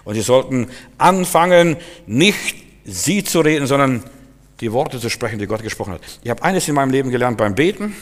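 A man preaching a sermon, swinging from loud proclamations to hushed, almost whispered lines and acting out the voices he quotes. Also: medium pitch, animated, fairly quick, big-room sound.

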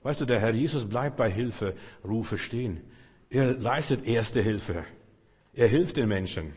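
A husky-voiced man delivers a fervent sermon, his voice ringing through a large hall with a long echo. He swings between plain teaching and loud acted-out cries for help. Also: medium pitch, lively intonation, a little slow. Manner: emphatic, acts out prayers and cries loudly. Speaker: preacher.

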